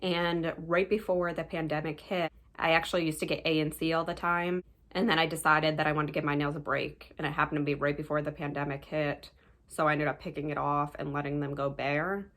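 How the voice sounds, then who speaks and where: A woman's voice: low-pitched, little pitch movement, brisk, a bit bright. A young woman vlogger casually chatting through her favorite products of the month and recommending them to viewers. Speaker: beauty vlogger.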